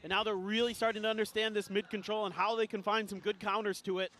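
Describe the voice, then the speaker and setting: High-voiced male esports caster analysing play. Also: little pitch movement, fast, sharp tone.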